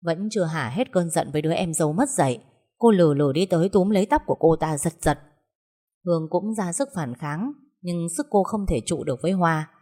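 A woman storyteller reading a family drama in a steady, dramatic way. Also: on the low side, fairly quick. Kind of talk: scripted narration of a family drama.

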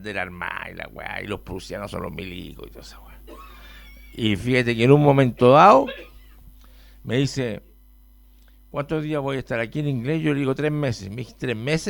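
A man with a Chilean accent telling a rambling personal travel story on a radio show, animated, jumping between loud outbursts and mumbled asides. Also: mid-range voice, creaky.

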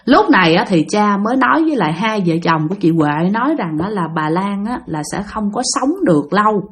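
A woman's voice: mid-range voice, expressive, brisk. A woman telling a ghost story casually, talking straight to her listeners. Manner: chatty, addresses listeners directly.

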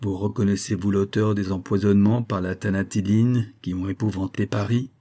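A man voicing a stern male police prefect, formal and measured. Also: fairly low pitch, steady tone, warm tone, lightly acted.

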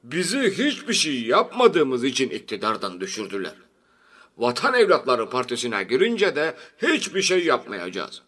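A man's voice: mid-range voice, huge pitch swings, moderate pace, a bit bright, recorded from a distance, pitched above the performer's own voice. A man voicing a male party chairman who addresses his members in raised, declamatory speech. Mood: declaiming.

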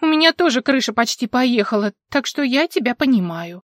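A woman voicing an excitable, anxious actress who talks in a shrill, demanding way, in an audiobook reading. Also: fairly quick, dry recording, studio quality.

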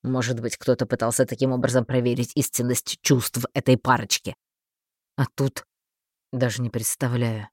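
Woman narrator plays unflappable sardonic man, deep put-on register, dry studio read. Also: little pitch movement, normal speed, no room sound. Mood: musing. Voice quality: low, dry, mocking. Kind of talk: audiobook character voicing.

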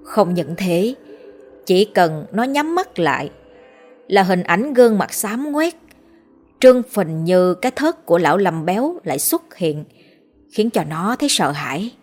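Woman, scripted horror narration, measured and somber, lower pitch, soft background music. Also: sing-song. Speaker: storyteller.

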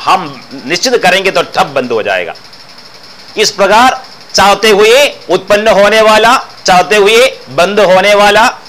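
Male philosophy teacher, high bright voice, explains by repeating phrases and posing questions. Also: slight background noise, poor audio. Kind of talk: explanatory discourse lecture.

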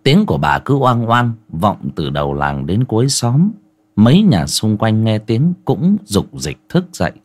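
A man hosting a channel and narrating a scripted horror story in a measured storytelling manner. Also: on the low side, big pitch swings.

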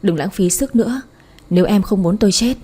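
Gentle, insistent words from a woman voicing a calm, wounded young man in a spoken romance story. The tone is mellow and a little husky, and the delivery stays soft and steady. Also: medium pitch, brisk, lightly acted. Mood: gently insistent.

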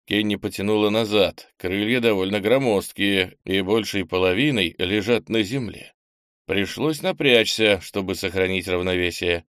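A man reading a novel aloud as audiobook narrator, in a steady, even manner. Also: fairly low pitch, moderate pace, no room sound, clean studio sound. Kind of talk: scripted narration.

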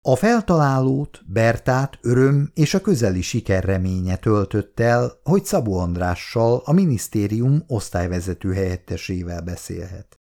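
A man reading a novel aloud as narrator in an expressive, animated reading voice. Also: on the low side, hardly any pauses.

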